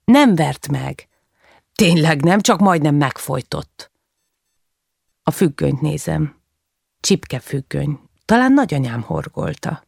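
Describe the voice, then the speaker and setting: A woman reading a first-person novel aloud as an audiobook, calm and measured, in short clipped sentences. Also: low voice, creaky, breathy edge, no room sound, clean studio sound. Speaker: audiobook reader.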